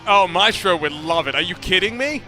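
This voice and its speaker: A man's voice: sits high, animated, pushed and bright, faint music behind. A man commentating a sim racing event live, joking with his co-host between races. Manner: quick, joking banter with co-host.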